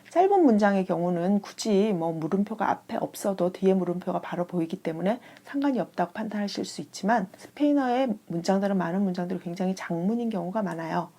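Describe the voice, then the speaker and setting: A young woman teaching Spanish in a calm, clear, explanatory way. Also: mid-range voice. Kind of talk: scripted online language lesson.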